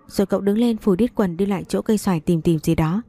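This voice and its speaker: A woman's voice: medium pitch, fast talker, warm tone, dry recording, studio quality, soft background music. A woman narrating a first-person story, voicing the dialogue as she goes.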